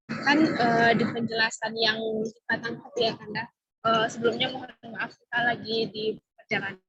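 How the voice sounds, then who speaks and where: A woman's voice: fairly high pitch, flat delivery, normal speed, a bit bright. A woman asking a hesitant, polite question in an online discussion while travelling, her call audio glitching and cutting out. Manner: hesitant, polite, many fillers. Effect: choppy glitching call audio that keeps cutting out. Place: travelling, on the road. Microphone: phone on a weak mobile connection. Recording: muffled lo-fi call line with faint noise.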